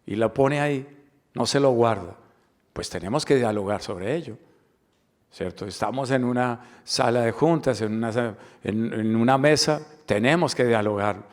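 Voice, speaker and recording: A man's voice: medium pitch, normal speed. A man from the Dominican Republic giving a corporate training webinar, emphatic and fond of rhetorical questions and repeated key words. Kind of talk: webinar lecture.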